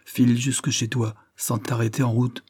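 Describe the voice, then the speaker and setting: A man's voice: medium pitch, little pitch movement, normal speed, warm tone, breathy edge, no echo, clean studio sound, lightly acted. A man reading a commanding lord in an audiobook, giving firm orders. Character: commanding middle-aged lord.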